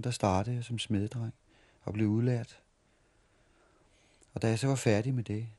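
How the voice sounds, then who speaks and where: Halting man in his forties, low voice. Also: dark tone. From Denmark. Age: 40s. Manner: halting, repeats and restarts words while reminiscing. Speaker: street performer interviewee. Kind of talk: storytelling interview.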